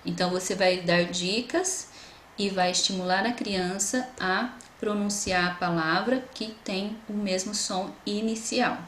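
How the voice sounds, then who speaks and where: Woman, Brazilian Portuguese accent, patient teacher, mid pitch, echoey room, faint background hiss. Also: unhurried, fairly bright tone. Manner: patient, explanatory, repeats "então" often. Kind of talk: recorded online lecture.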